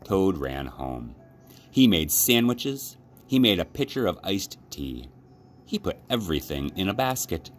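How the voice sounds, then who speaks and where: A man with a low voice reads a storybook for children the way a library storyteller might, expressive and measured. There's slight noise in the background.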